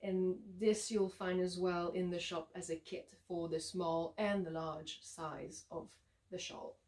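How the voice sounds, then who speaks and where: Low-voiced French Canadian woman. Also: unhurried. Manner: relaxed, chatty, with frequent fillers. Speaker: yarn dyer and shop owner. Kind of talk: casual product showcase.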